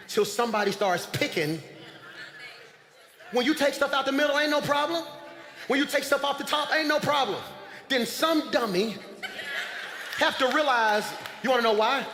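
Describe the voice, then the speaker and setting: High-voiced preaching man in echoey church. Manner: preaching with call-and-response, swings from shouting to low confiding tones. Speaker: pastor. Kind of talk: sermon. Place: large church sanctuary.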